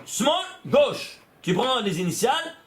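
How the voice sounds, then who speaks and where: Animated older rabbi, high lively voice. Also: male voice, takes it slowly, slight background noise. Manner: animated, asks the class questions and answers them himself; repeats words and restarts phrases. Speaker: rabbi teaching Torah. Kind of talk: Torah lesson with gematria.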